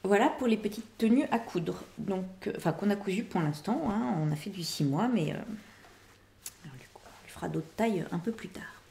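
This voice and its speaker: Speaking expressively at a moderate pace, this middle-aged woman has a medium-pitched, dark-toned voice with vocal fry. As host of a knitting and sewing podcast, she rambles chattily through a show-and-tell of finished projects, often capping things off with "voilà."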